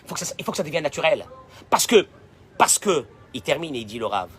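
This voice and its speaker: Emphatic male rabbi, bright animated voice. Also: a little high, fast, breathy edge. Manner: emphatic, repetitive, by turns loud and hushed. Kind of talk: sermon.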